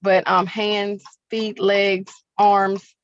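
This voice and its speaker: A woman's voice: medium pitch, level tone, very slow, no echo. A woman on a video call, speaking casually as a guest advising children. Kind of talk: casual advice and praise. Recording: dull, dry call audio.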